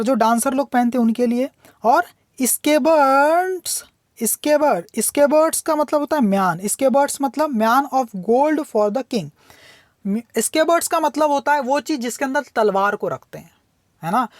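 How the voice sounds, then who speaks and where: A woman's voice: on the high side, no echo, clean studio sound. Woman teacher explaining a poem. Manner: slow, drawn-out reading of English lines, then quick Hindi explanation; asks questions and answers them herself.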